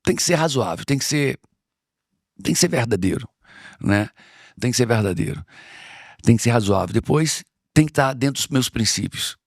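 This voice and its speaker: Earnest gravelly Brazilian man. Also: mid-range voice, lively intonation, normal speed, pauses often, no echo, studio quality. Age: middle-aged. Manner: earnest, repeats phrases for emphasis. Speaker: interview guest. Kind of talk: conversational interview.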